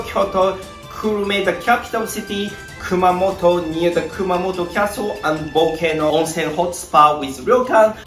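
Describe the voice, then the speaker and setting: A man from Japan with a Japanese accent, a tour guide giving an upbeat promotional pitch full of rhetorical questions and long lists. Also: a bit bright. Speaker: tour guide and founder of a craft tour. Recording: roomy voice with faint background music.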